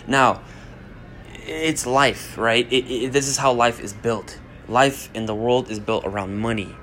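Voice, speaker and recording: In a mid-range, fairly bright voice, a young podcast host from the United States gives a loose motivational talk, rambling bluntly and cursing freely. He speaks a little slowly with fairly even intonation, over slight background noise.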